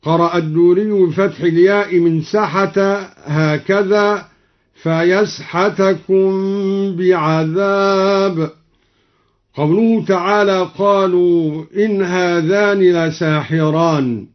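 A man teaching recitation readings, explaining each one slowly and intoning the quoted verses in a measured way, on a dull archival radio recording. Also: high voice.

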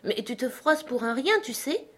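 A woman's voice: a little high, animated, moderate pace, fairly bright tone, slightly rough, pitched above the performer's own voice. A woman reading the part of an earnest, eager-to-please young girl in a storybook.

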